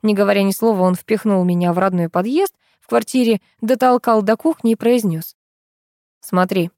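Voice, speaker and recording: Lively woman reading a novel aloud. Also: fairly quick, dry recording, studio quality. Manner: lively, jumps up in pitch for exclaimed lines. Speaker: audiobook narrator. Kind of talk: first-person novel reading.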